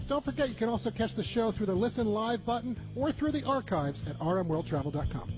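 A man's voice: high-pitched, animated, quick pace, rough recording. A man hosting a radio travel show, chatty and upbeat, with frequent fillers. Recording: music bed behind voice.

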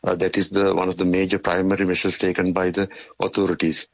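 A male news correspondent giving a measured report, pausing often with fillers. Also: low voice, monotone, dry recording, rough recording. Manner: measured, hesitant with many fillers.

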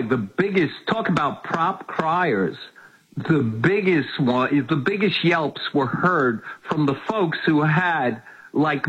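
A man in his seventies appears as a guest on a sports betting show, chatting casually with wry, self-mocking humor and laughing at his own jokes. His voice runs on the high side, a bit bright and slightly rough. He comes through a muffled call-in line.

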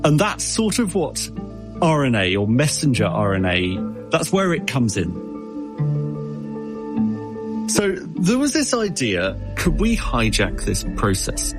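A man answering an interviewer as an expert, explaining with analogies and often stumbling over repeated words. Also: mid-range voice. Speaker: expert guest.

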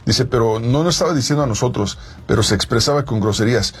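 Husky-voiced male co-host. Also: medium pitch, fast talker. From Mexico. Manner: conversational, explains with examples. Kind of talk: casual talk show chat.

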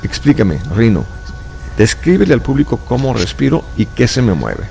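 There's slight background noise as a medium-pitched, sing-song voice with vocal fry and a dark tone comes through at normal speed. The speaker is a stage hypnotist in his fifties, from Chile and raised in Mexico, lecturing emphatically as a guest in a radio interview.

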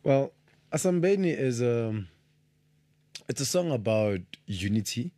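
A man in his late twenties, a musician guest explaining his songs in a measured, reflective way. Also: medium pitch, lively intonation, mellow, no echo. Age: 20s. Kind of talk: casual interview answers.

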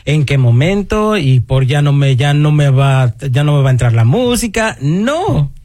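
A man's voice: on the high side, big pitch swings, darkish tone, no room sound. A man hosting a radio interview, talking casually and encouragingly, often checking in with his guest. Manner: casual, encouraging, fills pauses with "eh" and "¿verdad?". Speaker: radio host.

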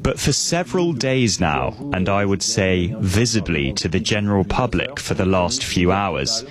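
A man interpreting a speech at a news conference, delivering a translation voice-over in a steady, formal way. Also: deep voice, measured pace. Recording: crowd noise behind the voice.

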